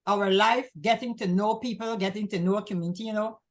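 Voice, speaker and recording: A woman's voice: medium pitch, fairly even intonation, quick pace. A woman from Guyana hosting a community access talk show, talking in long rambling runs and often repeating herself. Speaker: host.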